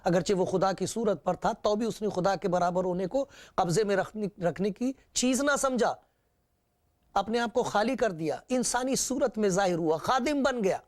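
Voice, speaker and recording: A man preaching a sermon, retelling scripture with repetition and rhetorical questions. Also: sits high.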